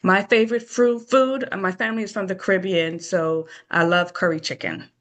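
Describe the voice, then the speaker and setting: A woman's voice: mid-range voice, fairly even intonation, normal speed. A woman attorney and HR consultant from Guyana introducing herself on a video call in a friendly, businesslike way.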